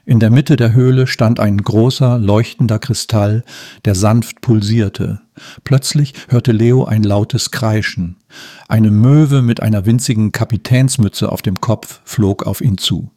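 A man reading a children's story aloud in a calm, measured way. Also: lowish voice, no room sound, studio quality.

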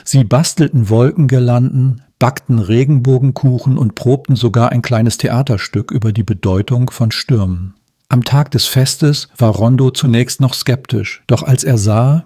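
Brief: male storyteller for a children's tale, calm, mellow, dry close sound. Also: medium pitch, no room sound. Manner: calm, measured reading. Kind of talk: children's bedtime story narration.

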